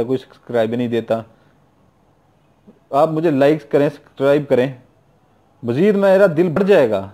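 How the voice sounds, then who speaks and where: A middle-aged man with a Pakistani Urdu accent, talking through instructions in a loose, repetitive way. His voice is mellow and dark in tone, at an ordinary pitch for a man. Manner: repetitive, informal, keeps adding "theek hai na". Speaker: YouTube occult practitioner. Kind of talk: casual spoken instruction.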